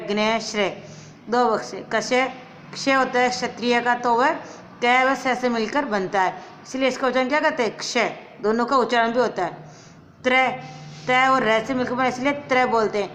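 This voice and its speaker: Teacher, woman, fairly high voice, slow and patient with small children, repeats and quizzes. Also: a little hiss or hum. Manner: slow, repeats each point and asks the class to answer. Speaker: primary school teacher. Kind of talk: recorded Hindi grammar lesson for young children.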